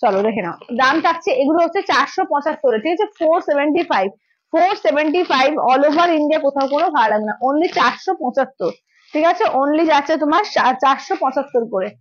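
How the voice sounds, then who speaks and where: A hoarse woman with a cold, selling sarees on a live stream in a brisk, repetitive sales pitch. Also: animated, muffled recording, slight background noise. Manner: brisk, repeats prices, keeps asking "okay?".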